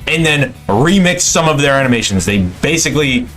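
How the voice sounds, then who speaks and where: A man's voice: medium pitch, animated, brisk, a bit bright. A young man in an unscripted, exasperated, profanity-laced rant about a video game, speaking as a gaming commentator. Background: music.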